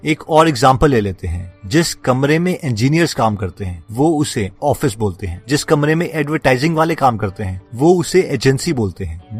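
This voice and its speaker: A man narrating a self-help book summary as a scripted explainer, steady and instructive, walking through worked examples. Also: mid-range voice, slightly rough. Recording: voice-over with faint background music.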